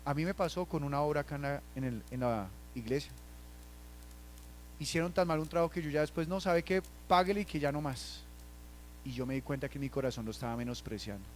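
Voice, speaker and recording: A man from Colombia, preaching a sermon and acting out everyday scenes in quoted voices, dropping to a hush and then rising loud. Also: medium pitch, quick pace, slight background noise. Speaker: pastor.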